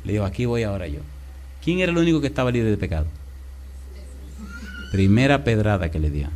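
A man's voice: mid-range voice, slight background noise. Fervent preacher man. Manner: fervent, calls out questions to the congregation, big swings in loudness. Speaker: pastor. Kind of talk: sermon with storytelling.

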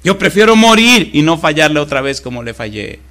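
A man's voice: medium pitch, unhurried, close to an everyday voice. A preacher voicing grief-stricken father Abraham. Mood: resolute. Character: aging father Abraham, grieving yet resolute.

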